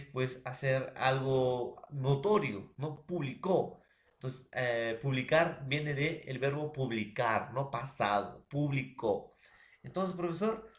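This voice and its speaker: A man's voice: medium pitch, roomy sound. A man with a Peruvian Spanish accent teaching a recorded lesson, asking and answering his own questions and checking in with "¿ya, jóvenes?".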